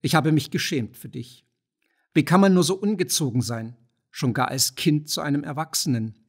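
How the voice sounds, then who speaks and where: A husky man voicing a middle-aged mother who hurries through her scolding, fussing and pleading like someone ashamed in public. The voice sits fairly high and a little breathy, and it is read as an audiobook character. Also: normal speed.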